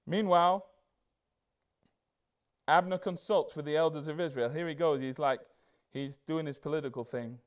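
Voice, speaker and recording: Man, pastor, conversational sermon, high pitch, rhetorical questions, excitable asides. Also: moderate pace, long pauses, clean tone. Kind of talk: casual expository sermon.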